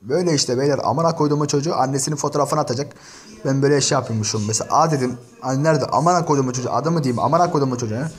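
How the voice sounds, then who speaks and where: A man's voice: mid-range voice, very fast. A man ranting and cursing nonstop as he comments on an online insult battle, talking straight to his viewers. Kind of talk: profane screen-share commentary to viewers.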